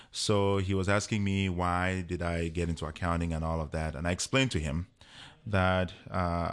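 A man, a guest telling a personal story in an unhurried way with many fillers. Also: deep voice. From Cameroon.

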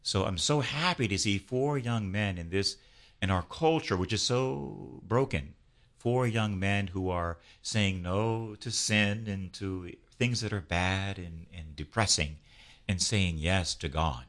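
A man's voice: sits low, a little slow, fairly bright tone. A man, a priest, hosting an interview, leading a prayer and speaking with fervent, preaching emphasis. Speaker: priest and host.

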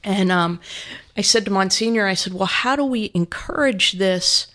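A woman's voice: mid-range voice, normal speed, a bit bright. Earnest middle-aged woman guest. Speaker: studio guest. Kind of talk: personal storytelling. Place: radio studio.

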